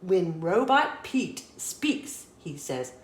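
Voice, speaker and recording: A female story host with a fairly low pitch reads aloud from a children's picture book, telling the story expressively and deliberately. The recording is reverberant.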